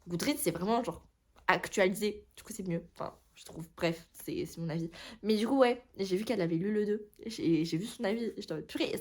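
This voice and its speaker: A woman's voice: on the low side, a little mellow. A young woman talking casually about books in a vlog, rambling, chatty and often correcting herself. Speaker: book vlogger. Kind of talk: casual chat.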